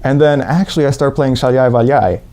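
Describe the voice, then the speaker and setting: A man from the USA with an American accent, telling a personal story in a lively way and acting out what people said. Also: medium pitch, fairly quick. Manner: lively anecdotal, acts out quotes.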